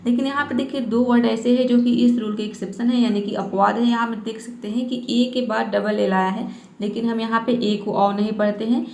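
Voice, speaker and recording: A woman teacher giving a patient pronunciation lesson, repeating each word slowly and checking in often. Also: fairly high pitch, darkish tone, echoey room. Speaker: English teacher. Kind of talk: Hindi-language pronunciation lesson.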